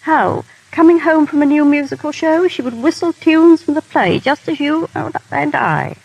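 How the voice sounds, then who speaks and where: Telling courteous, formal stories in a scripted 1930s radio interview is a woman guest, formerly a royal dresser and now a technical advisor. Her high-pitched voice is expressive, creaky and darkish, at a moderate pace. The vintage broadcast sounds muffled, with slight background noise.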